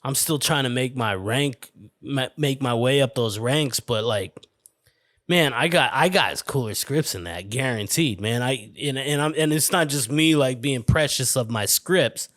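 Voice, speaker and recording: A man talks into a close podcast mic in a dry, deadened room, his pitch sitting right in the middle of the usual male range. He rambles and swears, stacking fillers and false starts as he rants to his listeners. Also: a little slow, fairly bright tone, dry recording. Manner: rambling, profane, lots of fillers and restarts. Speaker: podcast host. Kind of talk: casual solo podcast rant. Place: indoor room with a window.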